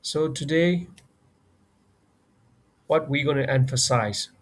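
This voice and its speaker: A man with a Burmese accent, a native speaker of Burmese, teaches a beginner lesson at a slow, unhurried pace. He sits in the middle of the male range and speaks carefully, saying each example phrase twice. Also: mid-range voice. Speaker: Burmese language tutor.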